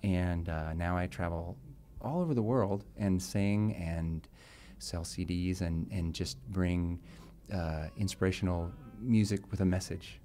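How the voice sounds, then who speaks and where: A man's voice: low-pitched, unhurried, hardly any pauses, dark tone. A man being interviewed before his show, chatty and self-deprecating, laughing often and at times getting choked up. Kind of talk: candid pre-show interview. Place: club venue before a show.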